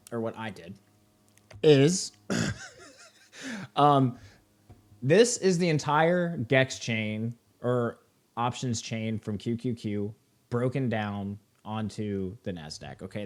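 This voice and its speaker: A young man hosting a live trading session, walking through a platform in a casual way, with many fillers and tag questions. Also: mid-range voice. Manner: casual, filler-heavy, keeps asking "right?" and "okay?". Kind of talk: live screen-share walkthrough.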